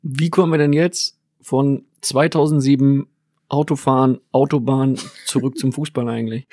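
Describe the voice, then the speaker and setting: A man's voice: mid-range voice, fairly even intonation, normal speed, a little mellow, no echo, clean studio sound. A man hosting a casual interview and asking his guest teasing, joking questions. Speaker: talk show host.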